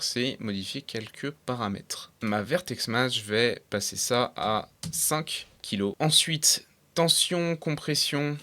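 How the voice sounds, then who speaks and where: A young man talking casually through a software tutorial step by step, with frequent fillers and English terms mixed in. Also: fairly low pitch. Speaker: tutorial creator. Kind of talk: screen-recorded software tutorial.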